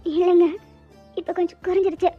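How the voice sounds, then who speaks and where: A woman voicing a gentle young pregnant wife in a cartoon, who speaks softly and earnestly. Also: very high-pitched, little pitch movement, fairly quick, faint music behind. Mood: reassuring. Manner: soft, earnest, sweet. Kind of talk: Tamil cartoon voice acting. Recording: dull lo-fi sound.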